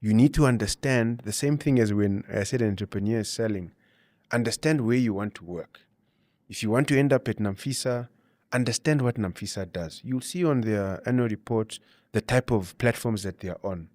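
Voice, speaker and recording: A man's voice: fairly low pitch, normal speed, darkish tone, dry recording, clean studio sound. A man giving advice and telling stories as an interview guest, explaining his points with frequent 'you know' and 'you see'. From Namibia. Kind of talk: conversational interview advice and storytelling.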